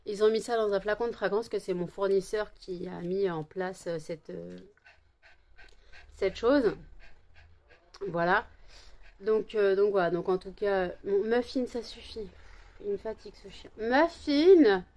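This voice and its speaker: Tired French woman, shrill high voice. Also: steady tone, a little slow, pauses often, darkish tone. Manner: rambling, many fillers and restarts, scolds her dogs. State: tired, barely awake. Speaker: vlogger. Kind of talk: casual chat to camera.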